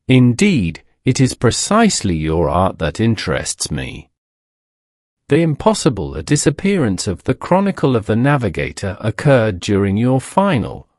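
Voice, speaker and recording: A man voicing a calm, analytical detective in a soothing, measured way. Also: medium pitch, dry recording, clean studio sound.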